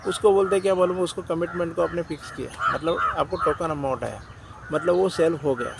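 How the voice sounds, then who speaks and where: A man's voice: a little high, brisk, gravelly, very noisy. A man with an Indian accent gives a motivational sales talk to insurance agents. He talks directly and repeats his phrases. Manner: direct, repeats phrases, often says "dosto".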